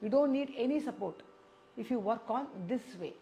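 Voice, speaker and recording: Teaching singing step by step, a South Indian-accented woman demonstrates by repeating syllables and phrases in song between explanations. Her voice is mellow and a little high, at normal speed, with slight hiss or hum in the audio.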